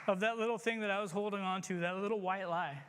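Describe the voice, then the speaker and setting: A man with a high voice gives an earnest sermon testimony, speaking plainly about his own failings. His voice carries a long reverb, as if picked up in a large church hall. He speaks in a confessional tone and presses his listeners to act. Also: fairly even intonation, fast, fairly bright tone, a little hiss or hum. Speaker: church member giving testimony.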